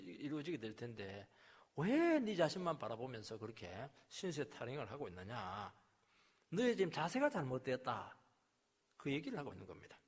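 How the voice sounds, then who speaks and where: A male pastor preaching a sermon, dropping to quiet asides and then rising to loud, emphatic passages, and acting out the complaints and rebukes he quotes. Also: medium pitch, breathy edge. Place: church sanctuary. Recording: long reverb of a church hall.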